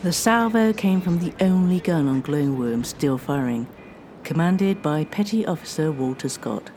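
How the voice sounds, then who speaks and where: A woman presents a radio history show, reading scripted narration at a measured pace and slowing down for dramatic lines. Her voice sits low, warm and animated, with slight background noise.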